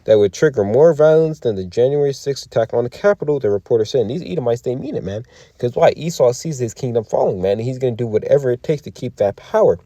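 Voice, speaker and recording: A man's voice: medium pitch, mellow, no echo. A tired man giving a casual commentary on scripture and the news, swearing a lot and leaning on "okay" and "man" with frequent rhetorical questions. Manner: profane, peppered with "okay" and "man". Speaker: religious commentator.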